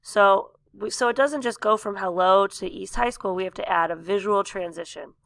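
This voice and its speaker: Woman teacher, tutorial voice-over, gravelly and losing her voice, dry close sound. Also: mid-range voice, moderate pace, fairly bright tone, no room sound. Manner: plain step-by-step instructions, coughs and throat clearing. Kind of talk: screen-recorded software tutorial.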